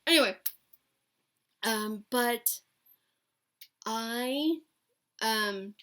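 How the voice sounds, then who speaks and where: A woman in her late thirties chatting casually and candidly to camera, rambling and emphatic, with a raspy voice like a longtime smoker's. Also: fairly high pitch, drawn-out words, fairly bright tone. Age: late thirties, almost forty. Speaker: vlogger talking to camera.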